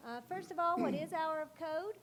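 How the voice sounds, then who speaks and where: There's slight background noise as a female school librarian presents to a board meeting at normal speed. Her voice is very high-pitched, loud, and carrying, and her manner is earnest and explanatory.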